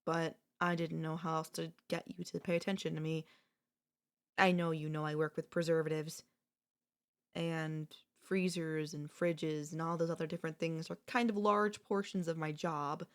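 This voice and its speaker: Speaking low at a normal speed, a woman portrays an obsessive yandere sister-in-law in ASMR roleplay, sounding calmly confessional. She coaxes and chats with sweet menace, entirely unapologetic.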